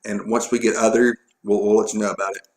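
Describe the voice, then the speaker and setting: A man's voice: lowish voice, flat delivery, fast, a little mellow. A man with a Southern American accent co-hosting a casual sports chat show, plain and matter-of-fact. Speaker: co-host. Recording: echoey room.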